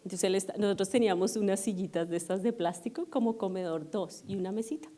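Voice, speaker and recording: A middle-aged woman pastor, telling personal stories to her congregation in an animated, self-mocking way and checking in with the audience often. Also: medium pitch, fast talker. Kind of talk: storytelling sermon to a congregation. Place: church service.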